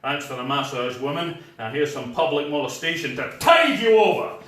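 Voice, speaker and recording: A man voicing a smug, womanizing male spy with a Scottish accent and a low purr. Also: lively intonation, normal speed, a bit bright. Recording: roomy live stage sound from a distance.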